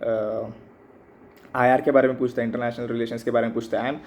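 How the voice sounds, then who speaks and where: A man's voice: mid-range voice, level tone, a little fast. A man in his mid-twenties talking in a casual reflective monologue, hesitant with many fillers and switching between two languages. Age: 20s. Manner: hesitant, many fillers, mixes English into Hindi. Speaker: exam aspirant vlogger. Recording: muffled, slightly lo-fi with faint background noise.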